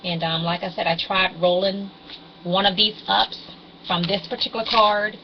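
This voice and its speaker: Over fuzzy, distorted webcam audio, a woman in her forties explains couponing in a loose, rambling way, hesitating and saying um often. She has a mid-range voice with a steady tone and a moderate pace. The sound is dull, and there's background noise.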